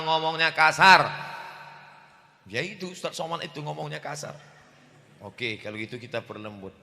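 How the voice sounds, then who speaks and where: Booming joking preacher, very bright voice. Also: male voice. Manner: loud, booming delivery; joking, acts out little scenes. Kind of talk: humorous sermon to a large congregation. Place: large mosque. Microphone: handheld stage microphone. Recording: echoey mosque hall.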